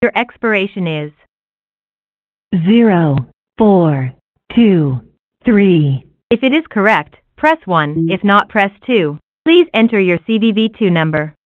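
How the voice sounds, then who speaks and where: A woman's voice giving recorded phone menu prompts in an even, measured delivery. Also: medium pitch, dry recording. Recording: tinny dry phone line.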